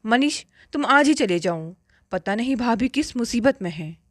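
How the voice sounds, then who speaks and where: A woman's voice: fairly high pitch, lively intonation, moderate pace, no echo, studio quality. A woman voicing a practical young wife who teases her husband lightly in a storybook tale. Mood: teasing, concerned. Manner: lightly teasing.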